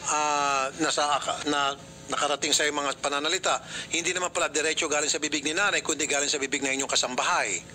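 Bright-voiced man mediating, firm and lecturing. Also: a little high, steady tone, quick pace, a little hiss or hum. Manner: firm, lecturing, interrupts often. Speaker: host mediating a complaint. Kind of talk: public affairs radio mediation.

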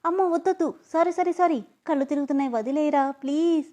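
A woman's voice: on the high side, brisk, darkish tone, close to an everyday voice. A woman reading a story aloud, voicing a stubborn young woman who whines and protests shrilly. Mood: whiny.

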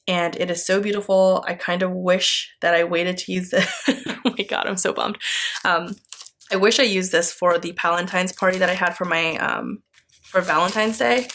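A young woman chatting casually as a planner vlogger, gushing excitably over stickers with bursts of laughter. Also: lowish voice. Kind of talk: casual sticker haul chat.

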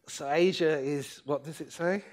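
An older man delivers an academic keynote from a lectern, thinking aloud as he goes. His speech is halting and full of fillers and restarts. He speaks into a lectern microphone in a lecture hall. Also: fairly high pitch, darkish tone.

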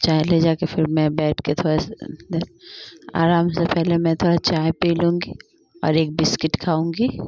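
In a lo-fi clip with a little hiss or hum, a family vlogger describes her evening routine chore by chore. Her voice is low-pitched and dark, her delivery flat at a moderate pace, and she keeps repeating "dekhiye" as she narrates plainly, step by step.

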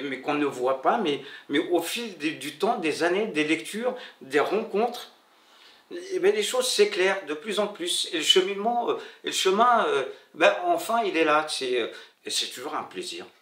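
Speaking a French he acquired only after moving from Morocco to France, this middle-aged bookseller shares his personal story reflectively in an interview, pausing, repeating and hunting for words. His voice is a little high and a bit bright. He's sitting in an indoor room with a bare wall, captured with roomy echo on a slightly distant mic.

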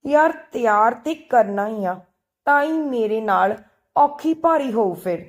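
A cheeky, cheerful young best friend from a spoken storybook, as a woman narrator puts her on. She jokes and teases in a slightly high, bouncy voice. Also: unhurried. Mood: playful. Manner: playful, joking and lively.

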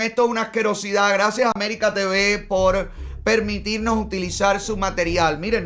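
A man's voice: sits high, fairly bright tone. A middle-aged Cuban man hosting a studio show, giving indignant political commentary and gesturing a lot as he talks. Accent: Cuban Spanish. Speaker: host. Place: small studio in front of a bright backdrop.

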